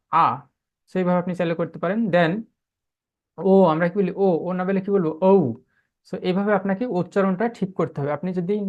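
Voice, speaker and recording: A man's voice: high-pitched, darkish tone, highs cut off. A man teaching English letter pronunciation, asking questions and answering them himself. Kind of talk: spoken English pronunciation lesson.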